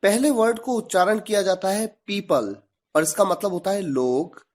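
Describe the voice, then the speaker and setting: A man's voice: high voice, moderate pace. A man teaching a video lesson, spelling words out letter by letter and asking rhetorical questions. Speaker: English teacher.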